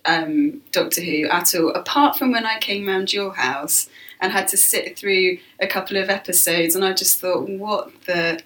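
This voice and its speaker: A woman's voice: mid-range voice, moderate pace, a bit bright. A woman co-hosting a podcast, chatting casually, giggly and self-mocking. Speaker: podcast co-host. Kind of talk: casual chat.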